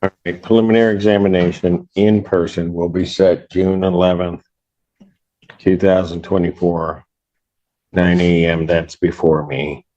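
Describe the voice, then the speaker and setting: A male judge with a very low, relaxed voice runs a formal court hearing. He puts procedural questions and gives rulings, and the recording is slightly dull. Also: unhurried.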